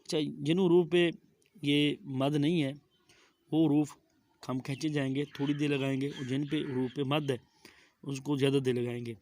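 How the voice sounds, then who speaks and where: A middle-aged man with a Pakistani Urdu accent teaching Quranic letter pronunciation, saying each sound slowly and with care. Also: a little high. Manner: drawn-out careful letter pronunciation, monotone delivery. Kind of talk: slow methodical recitation lesson.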